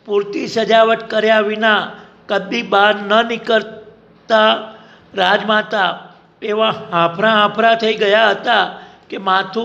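A man reading a novel aloud as a narrator, in a measured, steady storytelling manner. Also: high-pitched, creaky, muffled recording. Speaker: audiobook narrator.

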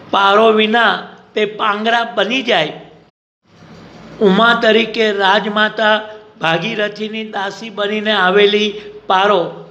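Guy reading a novel out loud, highish bright voice, takes it slow and steady. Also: creaky, highs cut off. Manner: measured, steady storytelling. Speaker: audiobook narrator. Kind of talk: scripted narration of a novel.

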